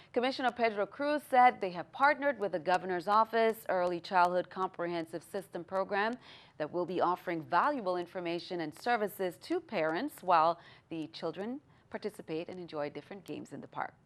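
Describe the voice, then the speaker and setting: A woman news anchor reading scripted news in a measured, formal announcer delivery. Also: fairly low pitch, expressive.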